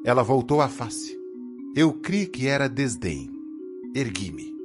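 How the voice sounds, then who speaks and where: A man narrating a dark audiobook in an expressive storytelling voice over background music. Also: medium pitch, takes it slowly.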